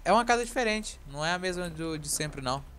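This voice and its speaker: A man playing an online game with friends, chatting casually and now and then bursting out excitedly. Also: a little high, quick pace, slight background noise. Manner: focused, excitable outbursts. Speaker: gamer in voice chat. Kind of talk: casual gameplay chat.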